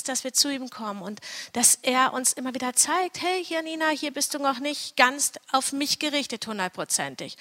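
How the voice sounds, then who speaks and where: A woman's voice: high voice, a bit bright, in a large hall. A woman in her thirties gives an earnest, personal Bible teaching, often checking in with "ja?" as she talks.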